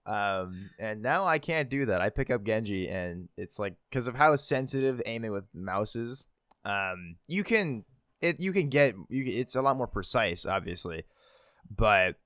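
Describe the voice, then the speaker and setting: A man's voice: lowish voice, animated, unhurried, fairly bright tone, clean tone, no echo, clean studio sound. A man co-hosting a podcast in casual chat, rambling with lots of fillers and laughing at himself. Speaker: podcast co-host.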